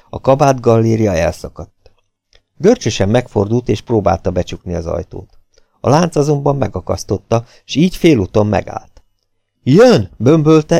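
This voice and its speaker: Mellow-voiced man reading a novel. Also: fairly low pitch, no echo, studio quality. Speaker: audiobook narrator. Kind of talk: scripted narration.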